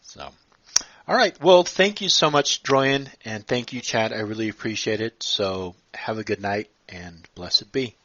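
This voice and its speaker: A man's voice: on the low side, measured pace, bright, forceful tone, no echo. A man hosting a casual live-streamed interview, talking hesitantly with many fillers and restarts. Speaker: podcast host. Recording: dull lo-fi dry sound.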